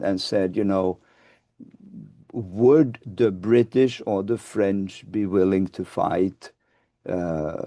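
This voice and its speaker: A Finnish man in his sixties, the founder of an advocacy group, is a guest in a webinar interview, seated in a studio with a dark backdrop and wearing a lapel mic. His fairly low, warm voice has vocal fry and no echo, and he answers in a measured, hesitant way with restarts, gesturing with both hands.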